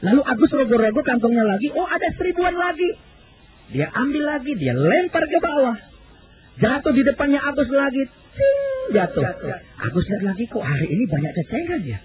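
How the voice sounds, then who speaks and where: Male pastor telling a story from the pulpit, high voice, swings up and down, thin phone-like sound. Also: very animated, fairly quick, a little hiss or hum. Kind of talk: sermon storytelling.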